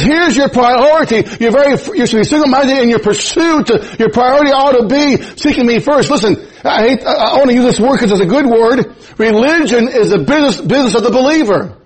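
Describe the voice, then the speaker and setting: A native German speaker preaches a sermon, rising into high, emphatic passages and chuckling between phrases. His voice is husky, and the recording quality is low.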